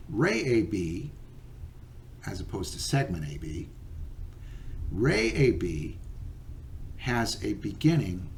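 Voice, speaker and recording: Male teacher, slow and lively in pitch, patient, fills pauses with "uh" and "okay". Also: vocal fry, slight background noise. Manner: patient, unhurried, with many fillers and okays. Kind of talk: recorded geometry lesson.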